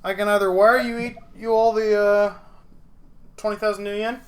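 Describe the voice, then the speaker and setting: Brief: man doing a brisk, businesslike fixer, a bit high and pushed. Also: little pitch movement, natural voice.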